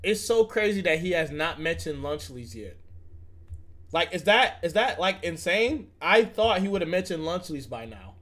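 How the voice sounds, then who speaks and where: High-voiced streamer, mocking and profane. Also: male voice, big pitch swings, normal speed, a bit bright. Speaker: streamer reacting to a video. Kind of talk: casual live-stream commentary.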